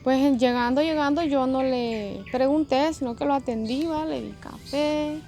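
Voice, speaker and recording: A woman's voice: sits high, moderate pace, mellow, faint music behind. A woman telling a personal faith testimony in a conversational, reflective way, often adding tag questions. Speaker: testimony vlogger.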